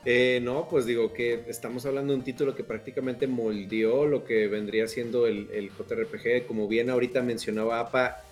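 A man, a podcast co-host, giving a relaxed, slangy wrap-up of a game. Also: medium pitch. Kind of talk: casual podcast chat.

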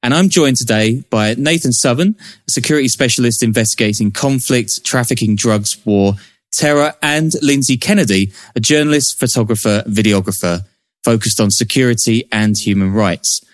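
A man's voice: mid-range voice, normal speed, dry recording, clean studio sound. A man hosting a podcast, moving between scripted narration and introductions. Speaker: podcast host, journalist.

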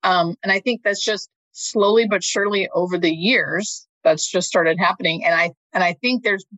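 A woman's voice: fairly low pitch, normal speed, fairly bright tone, dry recording, rough recording. A woman speaking as an interview guest, a hospice nurse talking casually and thinking aloud as she checks for agreement.

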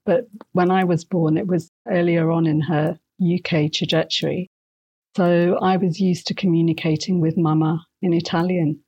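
A woman's voice: on the low side, flat delivery, moderate pace, dark tone, husky, lo-fi sound. A woman from northwest England, a podcast guest, who tells her story in an enthusiastic, reflective way. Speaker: guest, insights specialist and coach. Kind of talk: podcast interview.

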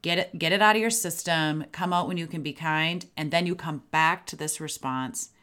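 Middle-aged female podcast host, parenting coach, lower register, chatty, acts out examples. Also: normal speed, smooth. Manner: chatty, lively, acts out sample lines to kids. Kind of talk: solo podcast advice talk.

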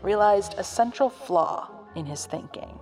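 A woman's voice: medium pitch, lively intonation, unhurried, a little mellow, faint music behind. A woman giving scripted podcast narration in a wry, storybook style.

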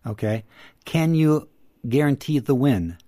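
A male counselor answers a host's questions in a calm, teacherly way. His pitch sits in the middle, and he repeats his key phrases to drive them home. The recording is close and dry. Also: measured pace, no echo. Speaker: counselor guest. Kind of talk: explaining advice in an interview.

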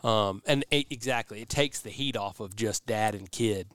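A man's voice: lowish voice, normal speed, fairly bright tone, no room sound. A man hosting a podcast in a casual, conversational style, talking in a folksy, rambling way. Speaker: podcast host. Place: warehouse.

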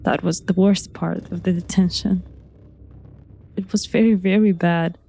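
A young woman whose first language is Arabic, recounting her own experience in halting speech, repeating words with soft nervous laughs. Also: on the low side, fairly even intonation, creaky, husky. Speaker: interviewee. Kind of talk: recounting personal testimony.

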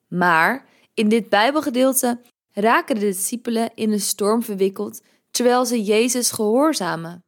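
A woman hosting a podcast, reading a devotional in a gentle, measured way. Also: medium pitch. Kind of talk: calm scripted devotional reading.

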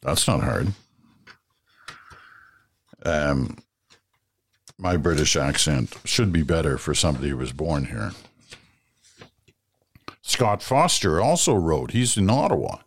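A man with a very deep voice hosts a talk show. He reads listener letters and chats loosely, filling pauses with ums and poking fun at himself. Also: very animated, husky. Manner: self-deprecating, chatty, with fillers. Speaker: podcast host. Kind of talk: casual show hosting, reading listener letters.

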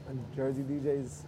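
A man who works as a radio DJ, a guest in casual podcast chat, relaxed and explaining things at length. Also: medium pitch.

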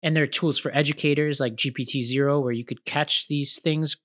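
Male podcast co-host, animated and storytelling, casual with lots of fillers. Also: a little high, brisk. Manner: animated, explains with stories, many fillers.

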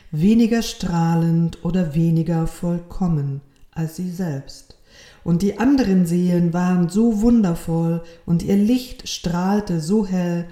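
A woman reading a children's story aloud in a calm, soft, measured way. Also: on the low side. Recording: roomy echo.

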